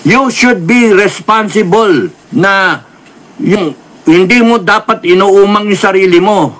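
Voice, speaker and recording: Filipino guy lecturing about politics, high bright voice. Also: slow pace. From Philippines. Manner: lecturing, repeated apologies, mixes English phrases. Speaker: commentator. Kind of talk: political commentary.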